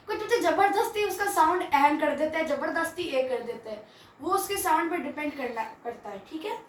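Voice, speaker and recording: A woman's voice: high-pitched, distant mic, a little hiss or hum. A woman teaches grammar to a class. She asks a question, then answers it herself. She sounds set back from the microphone in an echoey room. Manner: asks rhetorical questions and answers them herself, checks in with "theek hai". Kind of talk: classroom grammar lesson mixing Hindi and English.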